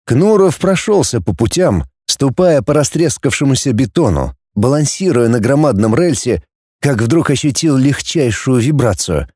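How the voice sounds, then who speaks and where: A man reading an audiobook as narrator, telling the story in an expressive way. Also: mid-range voice, normal speed, breathy edge, no room sound, clean studio sound. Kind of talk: scripted narration.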